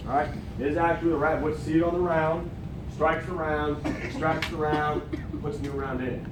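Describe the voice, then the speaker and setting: A man's voice: fairly high pitch, level tone, normal speed. A man instructing army recruits as a drill sergeant, profane and commanding, firing questions at them in call-and-response. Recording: roomy, distant mic, noisy room.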